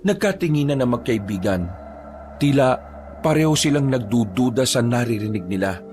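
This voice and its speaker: A man tells a horror story in a steady, measured voice of ordinary pitch. Faint music plays beneath his narration.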